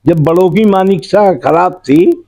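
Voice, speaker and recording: Gravel-voiced rustic father, earthy talk. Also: high voice, a little slow, dark tone. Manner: rambling, earthy, uses village proverbs. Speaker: father of victim. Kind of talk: on-camera field interview.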